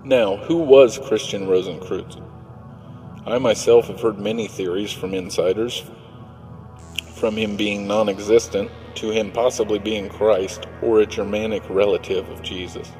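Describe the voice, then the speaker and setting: A male reverend reading a doctrinal text aloud in a measured, formal way. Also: on the low side, fairly even intonation, warm tone. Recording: long hall reverb with faint music.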